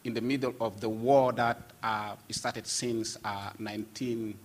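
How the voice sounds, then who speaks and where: A man's voice: fairly low pitch, level tone, measured pace, a little hiss or hum. A man from Sudan, a pastor giving an earnest, emphatic testimony with frequent restarts. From South Sudan. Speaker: pastor and guest. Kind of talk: testimony in conversation.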